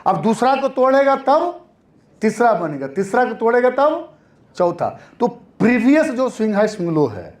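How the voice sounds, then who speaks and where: Guy teaching chart reading, high lively voice, keeps repeating stuff and asking himself questions. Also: normal speed. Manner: repetitive, asks and answers own questions. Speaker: trading teacher. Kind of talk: classroom-style chart lesson.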